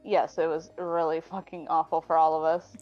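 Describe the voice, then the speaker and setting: A woman's voice: deep voice, flat delivery, normal speed, darkish tone, lo-fi sound, soft background music. A woman chatting casually as a player in a tabletop roleplaying game.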